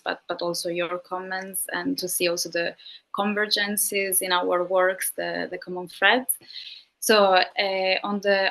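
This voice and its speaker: A woman panelist replying in a second language, halting and careful, repeating words as she goes. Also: medium pitch, bright, forceful tone, poor audio. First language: not English. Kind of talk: academic panel discussion.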